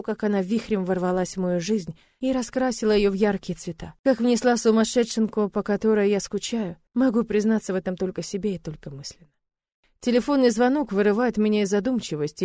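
A woman reading a novel aloud in scripted first-person narration, steady and even. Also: mid-range voice, brisk, dry recording, clean studio sound. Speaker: audiobook narrator.

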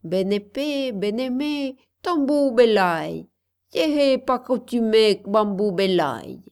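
A huge, gentle snake from a storybook, crooning a slow soothing chant, sung by a woman reading the tale. The voice lifts a little above her own and drawls each word. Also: on the high side, lively intonation, full character voice.

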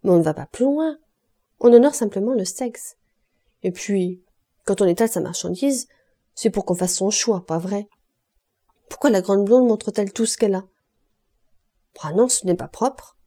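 A woman's voice: mid-range voice, normal speed, long pauses, dark tone, natural voice. A woman voicing a drunken, leering male zinc worker who blusters and sneers.

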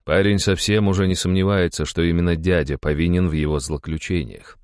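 A man reading an audiobook in an even, steady storytelling voice. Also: deep voice, a little fast, smooth, dry recording, clean studio sound. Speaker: audiobook narrator. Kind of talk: audiobook narration.

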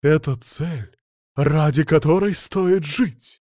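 A man's voice: a little high, lively intonation, normal speed, warm tone, no echo, studio quality. A man voicing an overexcited young male bard who pleads and gushes, in an audiobook. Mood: eager. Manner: gushing, pleading.

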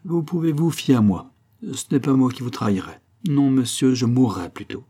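A man's voice: medium pitch, animated, moderate pace, dark tone, breathy edge, pitched above the performer's own voice. A male audiobook narrator voicing an earnest, loyal male ship's stoker in a read-aloud novel. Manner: earnest, emphatic.

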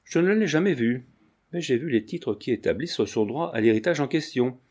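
A man's voice: mid-range voice, expressive, brisk, darkish tone, husky. A man voicing a jovial, sententious old retired lawyer in his sixties, bantering and lecturing at the dinner table. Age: 60s.

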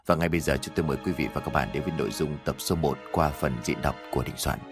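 A man narrating a horror story in a measured, dramatic storytelling manner as host of his own channel. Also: a bass voice, over music.

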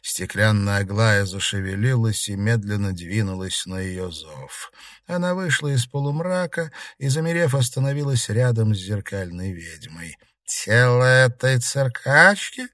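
A man narrating an audiobook in an even, measured storytelling manner. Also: lowish voice, dry recording, studio quality, far from the mic. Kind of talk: scripted narration.

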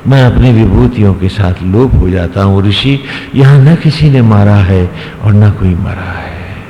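A man voicing a calm, gentle male god in a sermon story, speaking slowly and solemnly in a gently instructive way, in an echoey hall. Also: lowish voice, lightly acted. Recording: echoey hall, faint background noise.

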